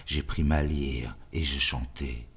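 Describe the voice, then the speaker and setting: A man's voice: very deep voice, steady tone, takes it slowly, slightly rough. A man giving a theatrical dramatic reading of a literary story with lingering delivery. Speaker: reader.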